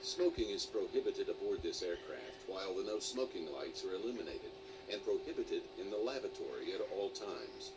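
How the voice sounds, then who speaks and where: A man reading a pre-recorded cabin safety announcement in a formal, measured way, played back in a flight simulator. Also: low voice, animated. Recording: distant, noisy game audio.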